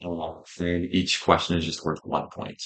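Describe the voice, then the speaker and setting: A young guest asking quiz questions in a casual chat, with a playful, teasing manner. His voice is very low and deep. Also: completely flat delivery, normal speed, fairly bright tone. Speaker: guest quizmaster.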